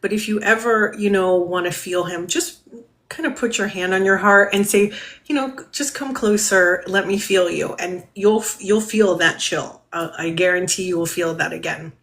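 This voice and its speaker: A woman giving a spirit reading to a caller on a live stream, talking gently with many fillers and soft laughs. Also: fairly low pitch, steady tone, moderate pace.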